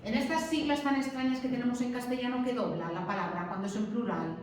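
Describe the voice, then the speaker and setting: A woman's voice: a little high, fast talker, far from the mic. A woman from teaching a classroom lesson on punctuation, explaining patiently and often checking in with tag questions. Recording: very echoey room, voice from afar, faint background noise.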